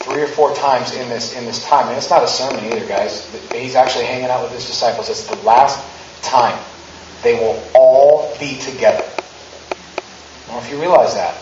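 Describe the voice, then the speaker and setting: A man in his thirties with a medium-pitched voice gives a laid-back, funny sermon in a church sanctuary, dramatizing quotes with growing emphasis, and there's background noise. Recorded through a handheld mic and a camera set far back, it sounds roomy, remote and dull.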